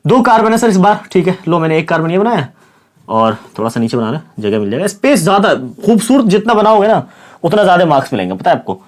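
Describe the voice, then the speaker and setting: A male science teacher giving a classroom-style chemistry lesson with a sore, slightly hoarse throat. He asks his students questions, answers them himself, and keeps repeating the key words. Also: high voice, very animated, fast. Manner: repeats key words and calls listeners "kids" and "brother".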